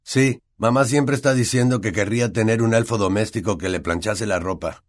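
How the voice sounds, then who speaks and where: A man's voice: lowish voice, normal speed, natural voice. A man with a Latin American Spanish accent voicing a mischievous teenage wizard who talks in a conspiratorial way.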